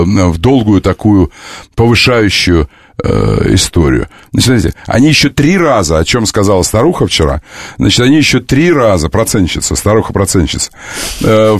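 Male radio host, gravelly and lively in pitch, confident and talkative, repeats himself in quick bursts. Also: no echo, clean studio sound. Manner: animated, repeats words in rapid runs, argues confidently. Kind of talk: morning radio talk, casual and opinionated. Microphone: studio microphone.

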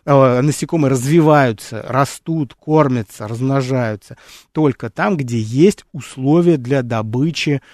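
A man hosts an educational nature series, talking unscripted with plenty of fillers, restarts and rhetorical questions, and he addresses his listeners as friends. His voice is medium-pitched and darkish, unhurried, in a dry, studio-quality recording.

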